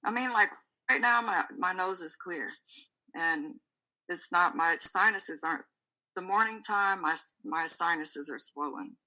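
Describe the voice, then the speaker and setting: A woman with a fairly low, sharp-edged voice that sounds tight, as if her throat is swollen. She is short of breath as she describes her illness. Her delivery is halting, and she repeats words for emphasis. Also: poor audio. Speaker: interview guest. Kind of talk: candid personal account of an illness.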